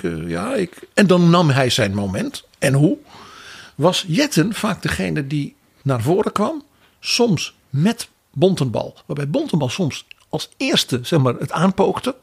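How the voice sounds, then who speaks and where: A man co-hosting a political podcast, giving wry, animated commentary. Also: a little high, a little slow, creaky, breathy edge, dry recording. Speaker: podcast co-host. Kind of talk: political analysis chat.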